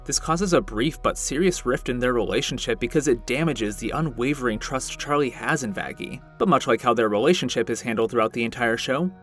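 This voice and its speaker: A man's voice: medium pitch, lively intonation, brisk, hardly any pauses, a bit bright, faint music behind. A man giving scripted commentary as a video essayist, earnest, reflective and a little self-deprecating.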